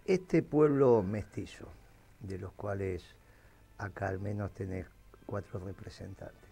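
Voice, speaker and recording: A man with an Argentine Spanish accent, hosting a radio talk show and steering the talk slowly and deliberately. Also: lowish voice, animated, gravelly, warm tone, breathy edge. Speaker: radio host.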